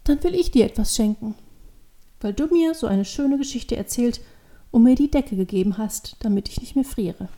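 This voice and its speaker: A woman reading a storybook aloud, voicing a curious and stubborn little devil girl in a high, eager, childlike voice. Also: animated, normal speed, mellow.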